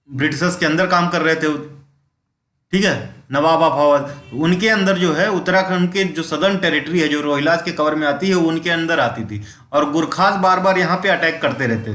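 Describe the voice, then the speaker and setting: Guy lecturing for exam prep, slightly high voice, keeps checking "theek hai", roomy echo. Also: fairly bright tone. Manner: explains step by step, asks and answers own questions, keeps saying "ठीक है"; reads English quiz questions slowly, mixes English terms into Hindi. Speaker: exam coaching teacher. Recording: echoey room.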